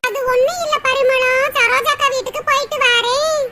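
A woman's voice: extremely high pitch, steady tone, moderate pace. A woman voicing a chatty village neighbor woman in a cartoon. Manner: casual gossiping. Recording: loud background noise.

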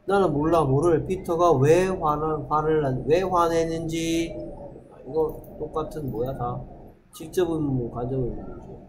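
A man's voice: fairly high pitch, background noise. A male English teacher giving a classroom grammar lesson, asking questions and answering them himself. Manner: reads English sentences slowly.

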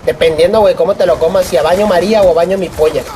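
A young man with a Mexican accent giving live gameplay commentary, swearing, joking in rambling asides and yelling at opponents. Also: high-pitched, racing, slight background noise. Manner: profane, excitable, yells at opponents. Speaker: gaming YouTuber.

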